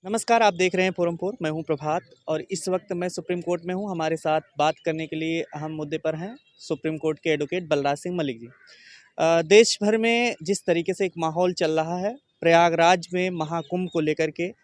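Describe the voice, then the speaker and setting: Man, reporter, interviewer, brisk, hesitant fillers, slightly high pitch. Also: steady tone, no room sound. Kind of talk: news interview questions. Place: outdoors near a courthouse.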